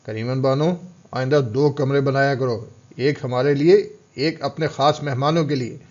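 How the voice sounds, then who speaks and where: A man's voice: mid-range voice, steady tone, a little mellow, muffled recording, close to an everyday voice. Man doing a bitter menacing thug. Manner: bitter, threatening.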